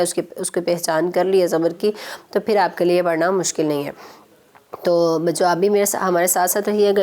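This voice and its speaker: A woman's voice: on the low side, a little mellow. A woman host teaching children recitation on a TV program, speaking patiently and repeating her instructions to young viewers.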